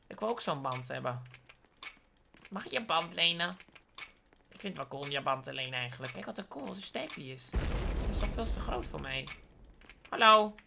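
A woman giving playful game commentary as a gaming YouTuber, excitable, with sudden high squealing outbursts. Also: noisy background. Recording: clear keyboard typing and clicks.

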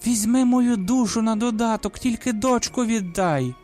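A man reads a frantic peasant mother from an old folk tale, her voice pitched high and loud as she cries and begs. She is a greedy woman turned desperate, and she pleads in sharp, broken shouts. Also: moderate pace, faint music behind, natural voice. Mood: desperate wailing. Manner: wailing, pleading.

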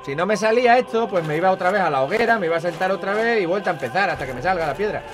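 Over game music, a young man who runs a gaming channel talks to his viewers in rambling, casual commentary, cursing frequently in a Spain Spanish accent. His high voice is animated and rapid-fire.

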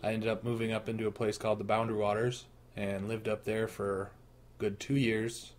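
A man's voice: lowish voice, flat delivery, moderate pace, slight background noise. A man in his thirties with a Minnesota accent, co-hosting a casual chat and telling stories with playful asides. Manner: joking storyteller, playful asides. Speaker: podcast co-host.

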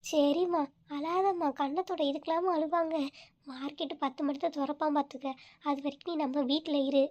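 A woman voicing a kindly, motherly older neighbor who coaxes and gently scolds, speaking in an in a home-made comic skit. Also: high voice, fairly even intonation, a little fast, lo-fi sound, close to an everyday voice. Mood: coaxing. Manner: coaxing, gently scolding, calls her "amma".

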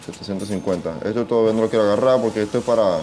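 A young man giving casual gameplay commentary, excitable, swearing often and talking to himself. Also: fairly low pitch, very fast, a little hiss or hum. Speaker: gaming channel host.

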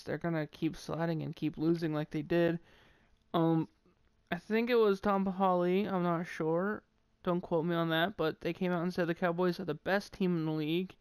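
A man's voice: a little high, smooth, no room sound. A man with a New England accent giving casual, opinionated sports commentary on his own, rambling and restarting sentences as he goes. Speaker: sports commentator ranking football teams.

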